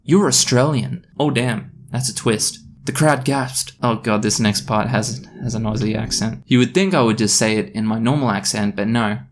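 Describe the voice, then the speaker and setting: A man's voice: on the low side, normal speed, hardly any pauses, a little hiss or hum. A man doing a comedic reading of an online fan story, narrating with wry, self-aware asides. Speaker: YouTube story reader.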